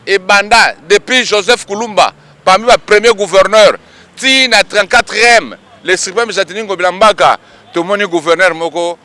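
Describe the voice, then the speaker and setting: A man's voice: high-pitched, bright, forceful tone. A man giving emphatic on-the-spot news commentary outdoors, using rhetorical call-and-response. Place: outdoors at a public event.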